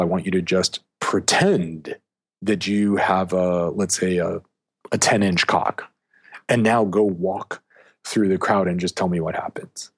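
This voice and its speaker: A male coach with a breathy, husky edge and a lowish voice. He talks in an easygoing, candid way, telling stories with blunt language. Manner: candid, animated storytelling with frank language. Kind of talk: casual podcast conversation.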